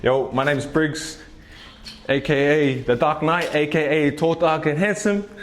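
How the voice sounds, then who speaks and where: Sitting in his apartment for a casual interview, the young New Zealand athlete and clothing brand owner speaks in a laid-back, slangy way full of fillers. His voice is on the high side, steady in tone, at a measured pace.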